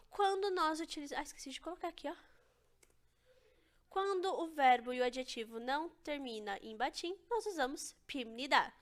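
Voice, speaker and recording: A woman's voice: high-pitched, fairly bright tone. A young woman teaching an online language lesson, explaining step by step and checking in with her students often. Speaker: Korean teacher.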